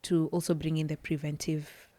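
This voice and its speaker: A warm, low female voice with a level tone moves at a moderate pace, free of room sound. The speaker, a psychology worker, gives earnest personal testimony as a guest in a podcast interview. She often breaks off and restarts while hunting for words.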